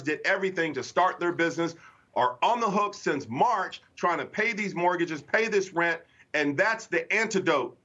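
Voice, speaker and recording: A man speaks as a news guest, pressing his points hard and coming back to the host's name again and again. His voice sits fairly high, and the remote feed sounds slightly muffled. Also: sharp tone. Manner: emphatic, repeats the host's name often. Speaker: political commentator guest. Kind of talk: cable news interview.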